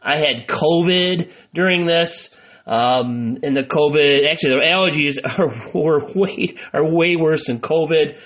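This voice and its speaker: A man's voice: on the high side, measured pace, a bit bright. Congested, muffled American man hosting a podcast. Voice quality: muffled, congested, stuffy-nosed. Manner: chatty, folksy, informal. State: congested from allergies. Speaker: podcast host. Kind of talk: casual solo podcast talk. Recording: dull, muffled lo-fi podcast audio.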